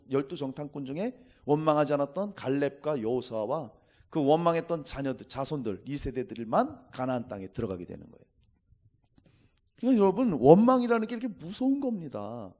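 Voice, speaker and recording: A male pastor delivers a Sunday sermon with an animated voice that swoops up and down. He sits a bit above the usual male pitch and keeps pressing his points with emphatic calls to the congregation. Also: fairly quick.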